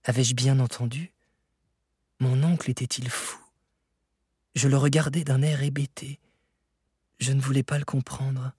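Husky male audiobook narrator. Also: mid-range voice, no echo, studio quality. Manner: measured, expressive reading of a classic novel. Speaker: audiobook reader. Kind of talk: scripted narration.

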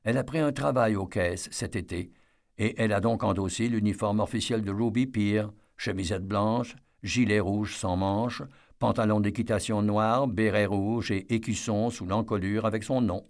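A man narrating a novel as an audiobook, in a measured storytelling manner. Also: lowish voice, fairly even intonation, a little mellow.

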